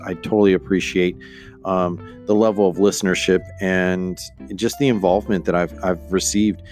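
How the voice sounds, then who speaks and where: A man with a low voice hosts a casual solo podcast over music. He meanders and hesitates, thinking aloud as he goes. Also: darkish tone. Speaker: podcast host.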